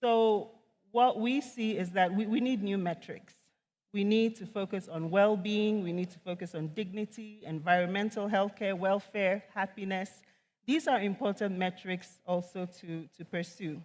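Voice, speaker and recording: Woman economist from Ghana, measured conference speaker, mid pitch, long hall reverb on a stage mic. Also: a little mellow. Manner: measured, earnest, with frequent ums. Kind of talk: conference talk.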